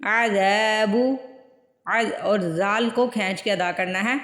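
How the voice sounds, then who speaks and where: A woman teaching Quran recitation step by step, patiently repeating words slowly to show pronunciation. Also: mid-range voice, fairly bright tone. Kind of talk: step-by-step tajweed lesson. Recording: echoey room with long reverb.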